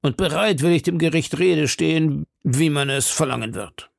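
A man's voice: a little high, normal speed, vocal fry, no echo, clean studio sound, voice pushed up. A man reading an audiobook, voicing a proud, defiant captain of musketeers who declaims boldly and insistently. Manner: bold, insistent, raised declaiming voice. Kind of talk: audiobook character voice.

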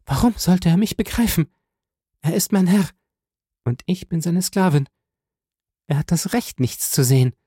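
A man's voice: a little high, normal speed, dark tone, no echo, studio quality, pitched above the performer's own voice. A man reading aloud voices a devoted young woman who speaks in a tender, pleading, tearful way. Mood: imploring.

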